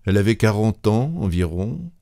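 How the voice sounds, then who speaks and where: A man reading a literary story aloud in a measured, grave manner. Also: on the low side, very animated, dark tone. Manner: slow, measured, grave delivery. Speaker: narrator.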